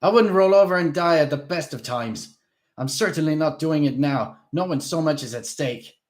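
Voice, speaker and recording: A man's voice: a little high, moderate pace, voice pushed up, natural voice. A man voicing a defiant vampire prince. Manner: forceful, defiant. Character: proud, fearless vampire prince, gruff and defiant.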